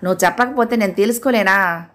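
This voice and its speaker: A woman's voice: medium pitch, quick pace, a bit bright, lightly acted. A woman voicing a domineering wife with a commanding, threatening manner. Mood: demanding. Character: bossy domineering wife, aspiring writer.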